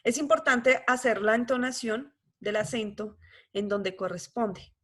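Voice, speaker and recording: Woman law teacher, fairly high voice, patient, explains step by step. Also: measured pace, a bit bright. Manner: explanatory, often checks understanding with "¿listo?". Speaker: law lecturer. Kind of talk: online law class.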